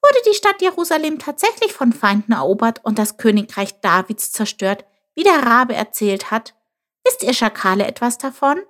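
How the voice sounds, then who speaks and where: A woman's voice: high voice, big pitch swings, moderate pace, a bit bright, voice pushed up. A woman voicing a small, eager young male bird who talks earnestly and stammers when upset. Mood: curious.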